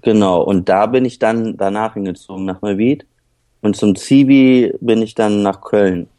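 A man from northern Germany, a guest on a casual podcast, reminiscing in a rambling, halting way. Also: fairly low pitch, dark tone, no echo.

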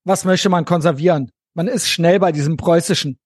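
A man's voice: on the high side, normal speed, dry recording, studio quality. A man from West Germany co-hosting a podcast, chatting casually and slangily about politics, often tacking on tag questions. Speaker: podcast co-host.

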